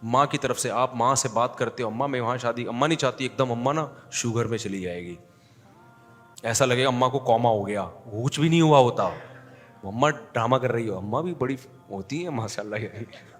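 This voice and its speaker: A male religious scholar delivering a sermon as lively, joking storytelling. His voice sits at an ordinary middle pitch. It rings with a long hall reverb over faint background music.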